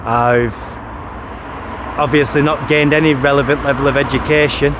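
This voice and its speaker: This first-person vlog features a man in his 30s outdoors beside a street, traffic audible, who keeps repeating himself, restarting and insisting on corrections. He speaks at a moderate pace, his medium-pitched voice steady in tone.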